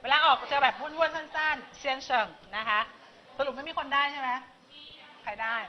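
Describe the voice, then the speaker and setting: Woman teacher quizzing her class, kinda high voice, muffled lo-fi sound. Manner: brisk, prompting students with quick questions. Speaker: Chinese language teacher. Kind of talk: classroom teaching, drilling pronunciation. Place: classroom full of students. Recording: dull lo-fi classroom recording with students chattering.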